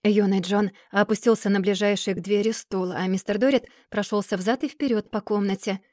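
A woman reading a classic novel aloud in a measured, expressive way. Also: mid-range voice, dry recording, clean studio sound. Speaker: audiobook reader.

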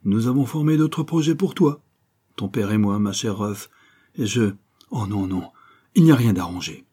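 A man's voice: fairly low pitch, expressive, moderate pace, dark tone, husky. A man reading an audiobook voices a proper bourgeois mother who lectures her daughter firmly. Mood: lecturing. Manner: firm, lecturing.

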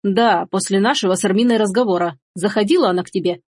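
A curt noble father who snaps orders in short phrases, read by a woman. The voice is husky and close. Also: medium pitch, quick pace, a little mellow, dry recording, natural voice. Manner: curt, commanding. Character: stern noble father, impatient and commanding.

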